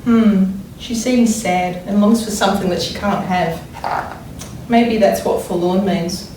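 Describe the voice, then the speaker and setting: A woman with an average pitch and a dark tone reads to young children in a primary-teacher style, her intonation fairly even yet dramatic in emphasis while reading. She deliberately wonders aloud and gives thoughtful explanations, heard distantly with strong echo and faint noise.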